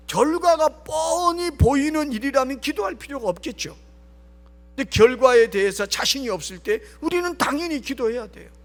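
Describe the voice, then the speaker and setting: A male pastor giving an emphatic sermon at a late-night prayer meeting, sometimes dropping to a whisper for stress. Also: very high-pitched. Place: church sanctuary. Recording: long church hall reverb.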